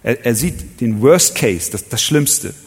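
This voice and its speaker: A man delivers a sermon in a husky, somewhat breathy voice of ordinary pitch. He speaks earnestly, poses rhetorical questions and draws out key phrases slowly. His words ring on in the long reverb of a large hall. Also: expressive. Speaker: preacher.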